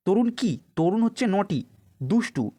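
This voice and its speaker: A male tutor with a fairly high voice that rises and falls a great deal as he walks young students through exam answers. He reads sample sentences out slowly, one word at a time, explains them, and keeps asking whether the class has understood. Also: sing-song, mellow. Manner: explains each answer, then checks with "okay?". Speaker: English tutor. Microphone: voice-over on a worked answer sheet.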